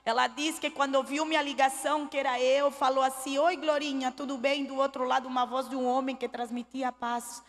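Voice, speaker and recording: A woman's voice: high-pitched, level tone, a little fast, few pauses, a bit bright. A woman telling her testimony in a church, making earnest, pleading appeals to the listener. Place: church hall. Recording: long church hall reverb.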